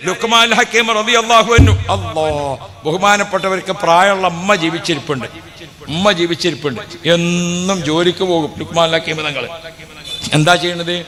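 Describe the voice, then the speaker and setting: A man's voice: high voice, moderate pace, sharp tone, big-room sound. A man preaching a sermon, storytelling with rhetorical questions and acted quotes. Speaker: Islamic preacher.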